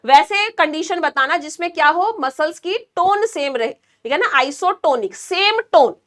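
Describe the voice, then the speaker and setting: High-voiced woman teaching nursing. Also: lively intonation, a bit bright. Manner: asks the class questions, then answers them herself; explains slowly with hand demonstrations. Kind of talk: online class lecture.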